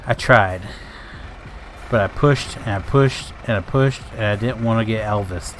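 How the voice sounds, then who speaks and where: A man's voice: lowish voice, a little slow, soft background music. A man live-streaming a farming game, chatting loosely with viewers, greeting and thanking them and swearing casually, tired and grumpy.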